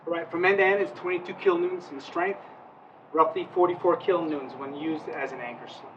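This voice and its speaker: A man's voice: fairly high pitch, fairly even intonation, quick pace, roomy sound. A man giving an instructional rope-gear demonstration in short, clipped, commanding cues as an instructor. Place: open steel training tower, outdoors. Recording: distant muffled mic, clear outdoor noise.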